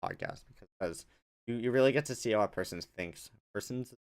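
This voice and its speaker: A man's voice: medium pitch, a little fast, clear, resonant tone. A young man hosting his own podcast alone, chatting casually and rambling off on tangents. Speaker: podcast host. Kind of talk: solo casual podcast chat.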